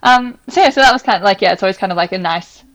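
Australian woman, young adult, casual podcast chat, lots of fillers, mid pitch. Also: very fast, a bit bright. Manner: chatty, lots of "like" fillers, laughs often. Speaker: podcast co-host, teacher.

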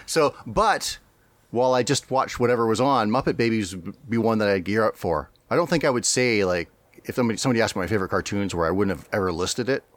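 A man's voice: on the low side, quick pace, no room sound. A man co-hosting a podcast, chatting casually and rambling with frequent laughs and restarts. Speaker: podcast co-host.

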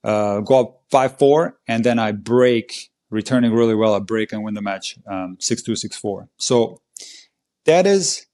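A man, a tennis coach and podcast guest, tells a match story in an animated, emphatic way. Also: fairly low pitch, a little slow. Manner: animated, emphatic play-by-play retelling. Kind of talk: conversational storytelling.

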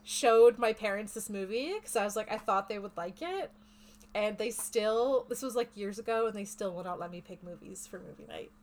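A woman's voice: mid-range voice, moderate pace, darkish tone. A woman co-hosting a podcast, explaining in a rambling, chatty way. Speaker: podcast co-host. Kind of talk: casual podcast chat.

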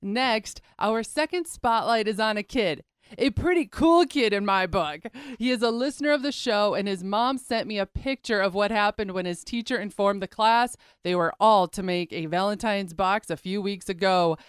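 Woman radio host, upbeat and chatty, smooth clean voice, dry studio sound. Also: medium pitch, normal speed, no room sound. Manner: chatty, enthusiastic, direct address to listeners. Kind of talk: upbeat radio show hosting.

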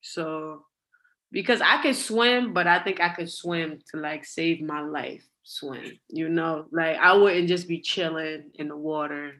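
A woman from Connecticut, a professional athlete, talks slowly and easily as a podcast guest. Her voice is bright and clear. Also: low voice. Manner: unhurried, easygoing answers. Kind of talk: casual interview.

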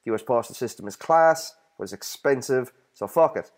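A man's voice: mid-range voice, expressive, fairly quick. A man with a North Kerry Irish accent hosting a music podcast, talking casually with irreverent, sweary slang. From North Kerry, Ireland. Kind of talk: casual solo podcast talk.

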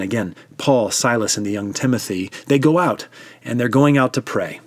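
A man telling a Bible story from the pulpit at a middle pitch. He lingers on words and drops to near whispers at key moments, building the tale slowly. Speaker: preacher. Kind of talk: dramatic sermon storytelling.

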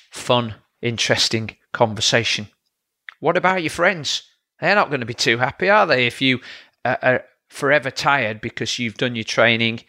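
A man's voice: mid-range voice, pushed and bright, no echo, studio quality. A man, a coach hosting his own podcast, talking through training advice in a plain, lecturing way with frequent "all right?" check-ins. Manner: plain-spoken, lecturing, asks rhetorical checks. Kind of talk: solo podcast monologue.

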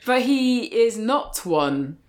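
A woman's voice: a little high, big pitch swings, takes it slowly, a little mellow. A woman hosting a casual podcast interview, chatty and self-mocking, laughing easily. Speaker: podcast host and stand-up comedian.

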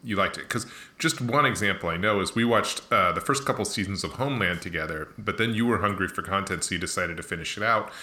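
A man's voice: low-pitched, fast, hardly any pauses, pushed and bright. A man in casual conversation who tells stories and asks questions. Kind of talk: casual chat.

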